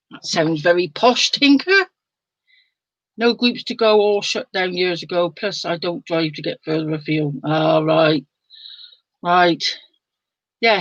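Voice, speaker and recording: A woman's voice: mid-range voice, a bit bright, no room sound, highs cut off. An older woman hosting a casual live stream from home, chatting with viewers, reading their comments aloud and laughing often. She sounds sleepy and yawns now and then. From England. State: sleepy, yawning.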